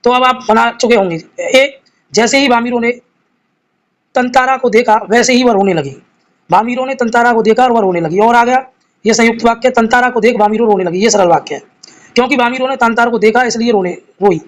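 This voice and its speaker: A man with a very high voice leads a live exam-prep grammar class. He reads out each quiz question and its options, then walks through the answer. He calls his students children in a fond, teacherly way. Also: brisk, rough recording. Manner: addresses students fondly as children.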